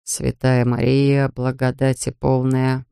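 Reader doing a scared male surgeon, low mutter, dry close mic. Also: little pitch movement, fast talker, darkish tone, no room sound, natural voice. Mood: praying. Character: frightened male surgeon, praying under pressure.

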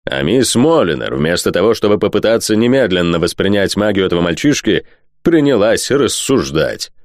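Deep-voiced male audiobook narrator. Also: sing-song, moderate pace, dry recording, studio quality. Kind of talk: expressive audiobook reading.

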